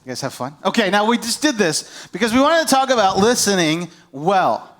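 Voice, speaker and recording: A male pastor preaching at a church service, energetic and playful, directing the congregation during an object lesson while wearing a microphone. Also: sits high, fairly quick. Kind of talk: sermon with a live object lesson.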